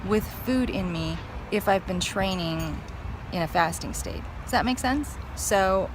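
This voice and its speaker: A woman's voice: mid-range voice, a little slow. A woman chatting casually to viewers as a fitness vlogger, thinking aloud in a hesitant, musing way. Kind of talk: casual vlog chat to camera. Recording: clear vehicle and outdoor noise.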